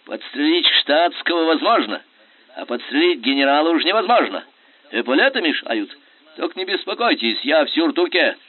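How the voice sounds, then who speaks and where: A man's voice: fairly high pitch, very animated, normal speed, no echo, voice pushed up. A man voicing an imperious, scornful Russian general who talks in biting, sarcastic commands. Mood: commanding. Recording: tinny phone-like sound.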